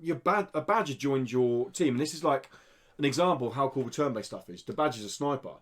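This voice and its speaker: Fairly quick and a bit bright, his medium-pitched voice is expressive as he co-hosts a podcast. He's giving an enthusiastic, casual review of indie games in conversation with the others.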